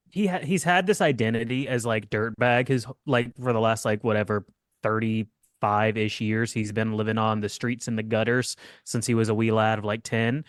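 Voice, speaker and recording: A man's voice: medium pitch, no room sound, clean studio sound. A man chatting casually at a tabletop game, joking and rambling about his character. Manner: joking, rambling, self-deprecating. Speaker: player.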